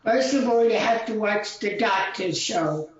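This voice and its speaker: A woman's voice: mid-range voice, lively intonation, unhurried, heavy reverb, recorded from a distance. A very old woman, around a hundred, chatting as a talk show guest over a muffled video call. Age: 100. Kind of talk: casual interview chat. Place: indoors on a video call, faint music behind.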